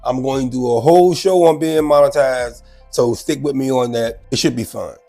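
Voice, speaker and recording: This host has a mid-range voice and a normal speaking speed, with faint music underneath. Though congested and sick, he talks loosely and animatedly about a news clip, chatting away and repeating himself.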